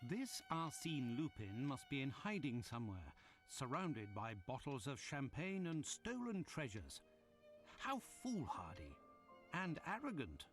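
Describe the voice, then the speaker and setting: An actor voicing Dr. Watson, a flustered Victorian gentleman who stammers and hesitates, heard as game dialogue. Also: mid-range voice, wildly swooping pitch, unhurried. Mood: disdainful. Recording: game audio with music behind. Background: music.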